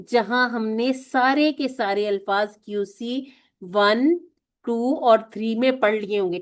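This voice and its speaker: A woman teaching a recorded course lesson, patiently explaining and asking and answering her own questions. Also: fairly high pitch.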